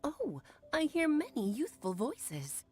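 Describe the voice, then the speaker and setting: A woman's voice: high voice, wildly swooping pitch, slow, heavy background noise, full character voice. An actress playing a playful, worldly mage mother in a video game, with a theatrical storytelling manner. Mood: haughty, mock-grand.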